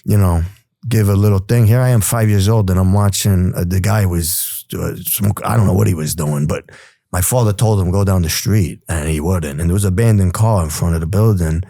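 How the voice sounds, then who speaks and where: A man's voice: sits low, a little fast, gravelly, dry recording. A man in his forties with a New York accent, telling stories from his past in a casual, streetwise interview manner. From New York City. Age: 40s. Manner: streetwise, animated, says "bro" and "you know". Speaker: guest.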